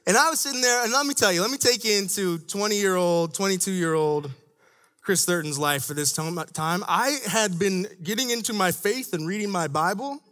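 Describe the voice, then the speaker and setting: High-voiced man preaching casually. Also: moderate pace, sharp tone. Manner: conversational, laughs at his own stories; rises into emphatic preaching cadence. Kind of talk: sermon to young adults.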